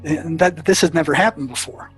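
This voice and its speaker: A man recalls his years as a prison therapist in a storytelling way. He stumbles often, repeating words and restarting his sentences. His voice sits a little high, and soft music plays faintly underneath. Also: a little fast, poor audio. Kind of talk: storytelling recollection.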